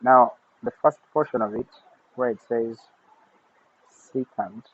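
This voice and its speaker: A man's voice: mid-range voice, slow pace, slightly rough. A man teaching a recorded math lesson, talking steadily through each step of his working. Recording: tinny phone-like audio with faint noise.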